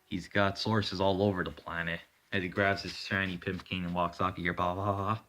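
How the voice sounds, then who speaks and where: A man's voice: low voice, flat delivery, normal speed, fairly bright tone. A man narrating an improvised action story in a rambling, profane way, often correcting himself.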